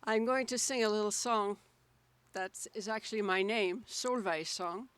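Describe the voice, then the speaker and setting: A woman from Norway, giving quick, warm remarks at a ceremony. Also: mid-range voice, clean tone, dry recording. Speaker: guest singer.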